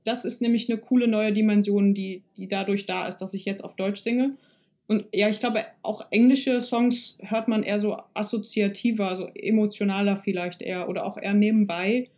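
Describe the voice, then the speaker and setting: A woman's voice: medium pitch, fairly even intonation, normal speed, warm tone. A woman with a mid-range voice talks as a guest in a casual, reflective way. She thinks aloud, often restarting as she works out her point. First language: German. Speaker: singer-songwriter, guest. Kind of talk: casual, reflective interview talk.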